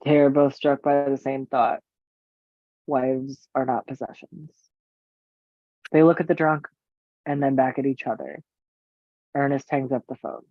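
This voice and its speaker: A man reads the stage directions in an even, matter-of-fact way. His voice comes over a tinny, phone-like line. The sound is dry, with no room around it. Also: mid-range voice, unhurried, long pauses, no room sound. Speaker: narrator.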